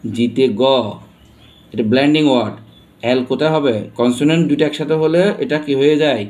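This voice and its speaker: A man's voice: medium pitch, brisk, a little mellow. A man with a Bangladeshi accent teaching a pronunciation lesson. He spells words out letter by letter and keeps asking his students questions. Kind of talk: classroom lesson.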